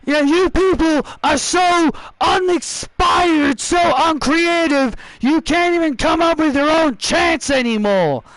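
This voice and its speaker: Man putting on a brash shouting wrestler. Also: extremely high pitch, takes it slowly, few pauses, dry recording, exaggerated voice, low-quality recording. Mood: taunting. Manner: shouting, taunting, boastful. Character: brash loud male wrestler cutting a promo.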